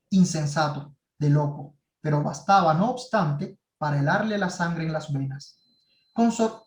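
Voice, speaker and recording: A male writing workshop teacher reading a short story aloud in measured, dramatic tones. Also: sits high. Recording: roomy echo.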